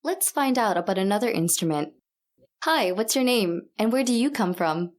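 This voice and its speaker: A woman interviewing children in a scripted textbook audio recording, asking her questions in a bright, inquisitive way. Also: medium pitch, lively intonation, moderate pace.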